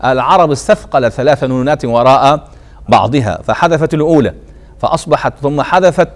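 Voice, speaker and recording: In a mosque hall teaching circle, a medium-pitched man from Tunisia gives a grammar lesson. He keeps asking the class short questions and answering them himself, and he draws the example words out slowly, saying each twice.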